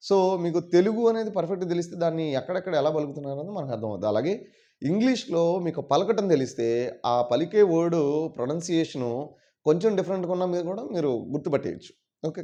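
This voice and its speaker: A man's voice: on the high side, lively intonation, dark tone. Man teaching on a dull recording. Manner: explains patiently, repeats words slowly for drills. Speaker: English teacher. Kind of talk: casual video lesson. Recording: dull lo-fi sound.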